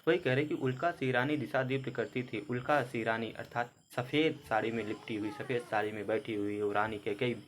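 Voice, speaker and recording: A man's voice: medium pitch, fairly even intonation, fairly quick, few pauses, slight background noise. Man explaining Hindi verse line by line. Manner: reads verse then paraphrases, word by word glosses. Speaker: teacher.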